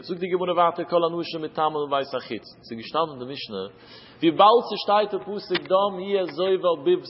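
A man's voice: a little high, husky. A man teaching a traditional Talmud lesson in a sing-song study chant, with phrases that rise and fall. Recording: dull lo-fi with long reverb.

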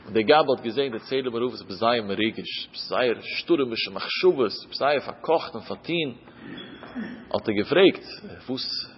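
A man's voice: medium pitch, a little hiss or hum. A man giving a religious sermon, telling stories with emphatic swings of his voice. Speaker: preacher. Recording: reverberant, dull lo-fi recording.

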